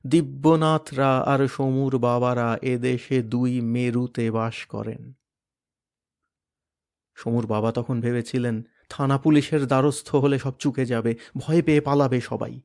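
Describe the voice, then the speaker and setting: Man giving a dramatic novel reading. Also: medium pitch. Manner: expressive, varied, hushed at moments. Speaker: reader of a novel.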